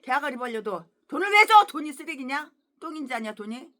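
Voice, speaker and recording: Fiery, high-voiced woman pastor preaching. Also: sing-song, brisk. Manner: fiery, scolding, crude insults; shifts between quiet asides and shouting. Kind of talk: expository sermon.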